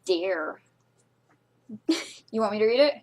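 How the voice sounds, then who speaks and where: Playful, slightly husky woman gaming host. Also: medium pitch, expressive, takes it slowly, a little mellow. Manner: playful, jokey, reads dialogue aloud. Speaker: let's play co-host. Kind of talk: casual gaming chat.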